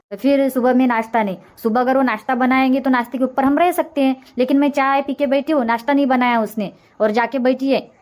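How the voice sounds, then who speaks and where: A woman's voice: high voice, close to an everyday voice. A woman voicing a nagging older village mother-in-law in a comic cartoon, rambling and scolding as she complains.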